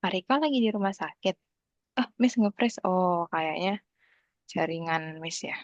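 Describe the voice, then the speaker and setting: A woman's voice: lowish voice, unhurried, dry recording. Lady tutor on a glitchy video call, audio keeps buffering and stuttering, dull lo-fi sound, dry. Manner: chatty, repeats herself to check the connection. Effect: choppy buffering video-call audio. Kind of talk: online class small talk. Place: outdoors.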